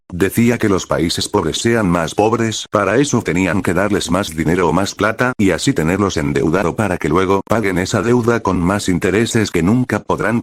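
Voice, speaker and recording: A man with a very low voice reads out a prophetic vision as a pastor would, slow and solemn, leaning into the dramatic moments. He is from Peru. The sound is dry, with no room echo. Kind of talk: scripted reading of a prophetic vision.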